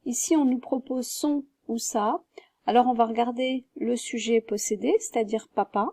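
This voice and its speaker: A woman's voice: fairly high pitch, steady tone, moderate pace, mellow, dry recording, studio quality. A woman teaching a French grammar lesson, patiently explaining step by step and spelling words out.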